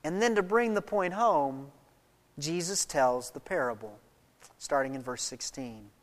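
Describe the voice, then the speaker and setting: Animated pastor with a cough, sermon with chatty asides, heard in a hall with long reverb. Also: medium pitch, unhurried. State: coughing from allergies.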